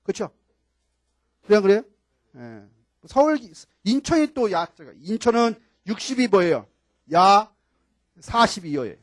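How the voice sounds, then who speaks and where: A man's voice: high voice, very animated, measured pace, pauses often, no room sound. An older man, a professor from Chungcheong, giving a classroom lecture. He keeps asking the class questions and repeats key words. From Chungcheong, Korea.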